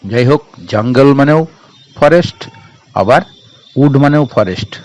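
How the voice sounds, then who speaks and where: A man's voice: mid-range voice, expressive, unhurried, a little mellow, no room sound, poor audio. A man with a Bengali accent teaching a primary school English class online, spelling words letter by letter and repeating each answer. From India.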